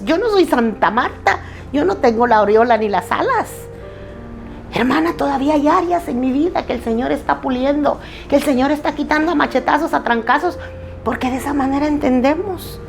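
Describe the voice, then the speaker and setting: Woman preacher, high voice, loud and emphatic, candid and self-mocking, faint music underneath. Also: lively intonation, moderate pace, vocal fry. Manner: loud, emphatic and plain-spoken; candid, with self-deprecating humor. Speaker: preacher at a women's church group. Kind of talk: sermon.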